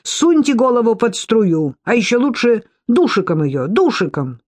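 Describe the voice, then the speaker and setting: A bold, cheeky woman bosses everyone around with brash sarcasm, voiced by a female narrator. Her voice sits a little higher than the narration. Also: sing-song, normal speed, darkish tone. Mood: bossy.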